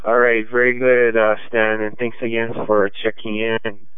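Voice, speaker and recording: A man acting as net control of an amateur radio net, unhurried and measured with frequent pauses, heard through a two-way radio. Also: lowish voice, level tone, clear, resonant tone, dry recording. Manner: unhurried and measured, many ums. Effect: heard over a two-way radio. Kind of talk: ham radio net, calling for check-ins. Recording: tinny radio transmission, dry.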